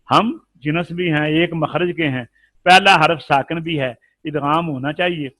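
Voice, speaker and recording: Man, Urdu accent, recitation teacher, patient explanations, slow chanted examples, dry recording. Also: a little high, fairly bright tone, no room sound. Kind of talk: live tajweed lesson with recited examples.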